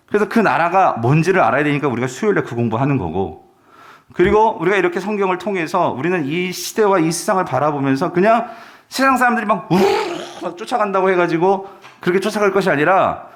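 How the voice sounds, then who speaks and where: Male pastor, sermon; high, lively delivery, keeps quizzing the congregation. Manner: animated, questioning the congregation. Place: church sanctuary.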